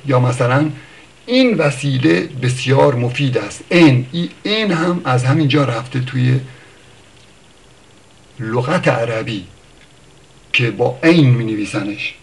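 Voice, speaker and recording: A man gives a casual lesson on how words are related, speaking at a middle pitch for a man. He works his points out aloud, with pauses and self-corrections. His examples come out a little higher than the rest of his talk. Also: vocal fry. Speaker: language teacher. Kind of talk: informal spoken lesson on word origins.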